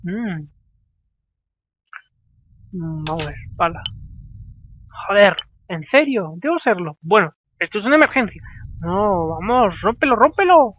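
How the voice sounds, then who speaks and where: Excitable swearing gamer, lo-fi sound. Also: male voice, high voice, a little slow, long pauses, slight background noise. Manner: chatty and excitable, swears often, talks to himself. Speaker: gameplay commentator. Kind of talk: let's play commentary, reading game dialogue aloud.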